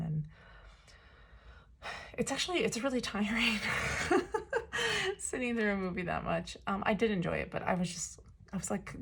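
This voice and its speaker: A woman's voice: medium pitch, gravelly, breathy edge. A woman vlogger telling a story in a casual, rambling way, full of fillers and "like". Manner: chatty, rambling, many fillers and "like".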